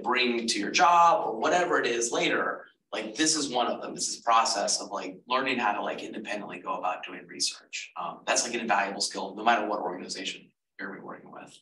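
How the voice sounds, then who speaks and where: A man's voice: medium pitch, pushed and bright. A man advising students in a casual info session, rambling with lots of fillers and self-corrections. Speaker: economics advisor. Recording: echoey room, far from mic, faint noise.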